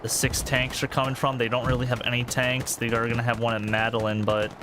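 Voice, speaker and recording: A tired, slightly breathless man calls a video game match play-by-play, his mid-range voice quickening when the action heats up. Game gunfire and artillery blasts sound clearly behind him throughout. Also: medium pitch, noisy background. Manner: rapid, excitable play-by-play. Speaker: esports caster.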